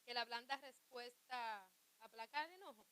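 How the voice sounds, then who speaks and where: Woman radio co-host, clear resonant voice, high and bright, chatty about faith. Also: moderate pace. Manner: chatty, reflective, laughs often.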